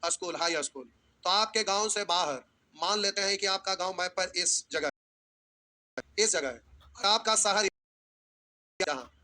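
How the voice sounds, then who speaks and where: A math teacher leads a classroom lesson in call-and-response. His voice sits very high and rings with a piercing brightness. He scolds and ribs students who lose focus. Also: unhurried, long pauses. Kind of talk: classroom lecture.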